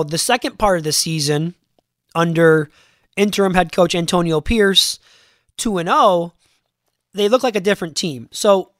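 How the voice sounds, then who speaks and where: Congested high-voiced male podcast host. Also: a bit bright, dry recording, clean studio sound. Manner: loose and chatty, frequent fillers and restarts. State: congested, under the weather. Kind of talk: casual podcast talk.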